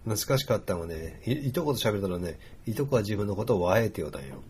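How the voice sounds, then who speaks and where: A man speaking with a Hiroshima dialect in a relaxed, rambling casual monologue, full of fillers. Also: fairly low pitch, quick pace, a little hiss or hum.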